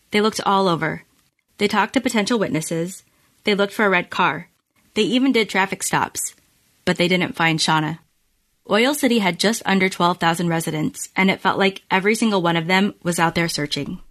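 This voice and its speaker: A woman hosting a podcast, reading scripted true crime narration in measured, storytelling phrases. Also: mid-range voice, a bit bright. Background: music bed.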